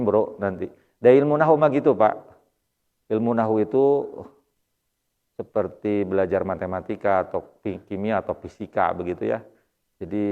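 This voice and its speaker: Sundanese-accented teacher in an echoey mosque. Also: male voice, fairly low pitch, a little mellow, clear, resonant tone. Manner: explains patiently, repeats Arabic words with stress. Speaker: Arabic grammar teacher. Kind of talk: mosque study-circle lesson. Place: mosque hall. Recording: dull lo-fi recording with hall reverb.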